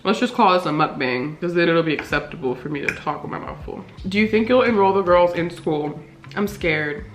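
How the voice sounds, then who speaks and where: Young woman rambling through a q&a, lots of likes and ums, lowish voice, roomy echo. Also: brisk. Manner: chatty, many fillers, talks while eating. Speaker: vlogger. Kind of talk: casual Q&A chat. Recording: echoey room.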